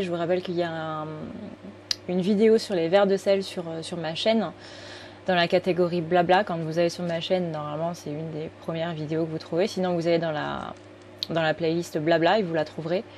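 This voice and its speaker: Chatty tarot-reading woman, lower voice, rambling and self-correcting; faint hiss behind. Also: darkish tone. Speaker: tarot card reader. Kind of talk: casual spoken tarot reading.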